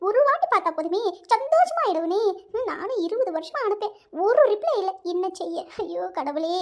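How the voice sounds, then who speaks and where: A woman's voice: very high-pitched, sing-song, moderate pace, full character voice. A woman voicing a sulky young married woman in a cartoon, sighing and self-pitying. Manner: whiny, self-pitying sighs. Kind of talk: cartoon voice acting.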